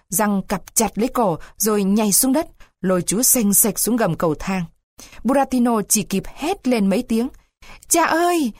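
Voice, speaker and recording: A woman reading a children's story aloud in a lively, expressive way. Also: medium pitch, dry recording, clean studio sound.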